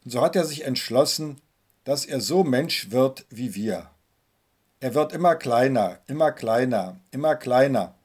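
Husky male pastor telling a story. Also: mid-range voice, animated, measured pace. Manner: gentle, storytelling, addresses listeners directly. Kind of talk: Christmas sermon storytelling.

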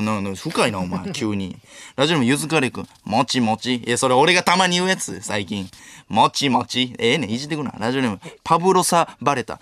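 Fast-talking Kansai man, radio tsukkomi. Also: mid-range voice, dry recording. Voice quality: sharp comedic retorts, Kansai tsukkomi. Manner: rapid-fire reading and snapping back. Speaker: radio host reading listener mail. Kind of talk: late-night radio solo talk. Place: radio studio. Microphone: studio microphone.

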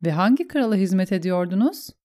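A woman voicing a commanding male sailor calling loudly from a boat. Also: medium pitch, expressive, a little fast, no echo, clean studio sound, pitched above the performer's own voice, natural voice. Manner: loud, hailing calls. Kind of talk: audiobook character voice.

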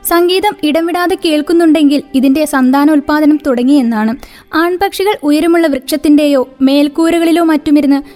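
Woman narrator, high voice, steady scripted read over soft music. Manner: even, informative reading pace. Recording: faint background music.

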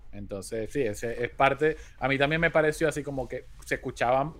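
A man's voice: mid-range voice, moderate pace, fairly bright tone. A man co-hosting a casual chat about a TV series, talking in a rambling way with frequent restarts. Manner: rambling, with many restarts and fillers. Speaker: co-host.

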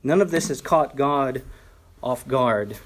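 A man's voice: medium pitch, takes it slowly. A male pastor preaching a sermon, earnest and conversational, with emphatic rises when quoting scripture. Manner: conversational asides to the congregation.

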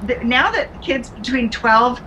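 A woman's voice: on the high side, unhurried, pushed and bright, a little hiss or hum, rough recording. A woman calling in to a show to give an update, talking earnestly and repeating her points. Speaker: regular guest giving an update. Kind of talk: casual call-in chat.

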